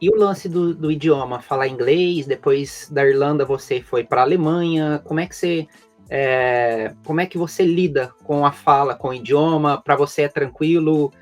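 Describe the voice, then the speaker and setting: A woman's voice: deep voice, normal speed, faint music behind. A woman hosting a podcast, asking questions in a casual, curious way. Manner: curious, conversational interviewer. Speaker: podcast host.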